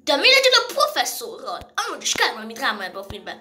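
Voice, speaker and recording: Playful high-voiced woman fan dubber. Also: wildly swooping pitch, bright, forceful tone, slight background noise. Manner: playful, switching between character voices. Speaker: fan dubber voicing every character. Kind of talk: fan dub of a cartoon.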